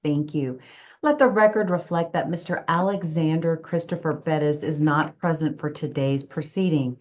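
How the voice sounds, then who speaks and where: A woman judge speaking in a measured, formal, procedural way, heard on a courtroom recording that is being played back. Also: low voice, highs cut off.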